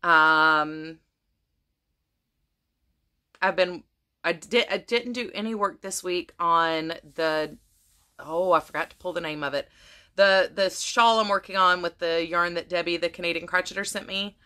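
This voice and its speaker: A woman's voice: fairly low pitch, fairly even intonation, unhurried, long pauses, pushed and bright, smooth. A woman chatting casually to her viewers about her crafts, rambling with many restarts, her voice starting to go. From United States. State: losing her voice. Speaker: crafting vlogger. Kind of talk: casual chat to camera.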